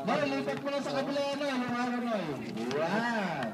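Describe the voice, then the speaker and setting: A man's voice: very high-pitched, sing-song, moderate pace. A man from the Visayas announcing an amateur basketball game, polite and joking with players and coaches. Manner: polite, joking, says sir and po. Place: indoor basketball court. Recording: echoey gym PA from far off. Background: loud crowd and game noise.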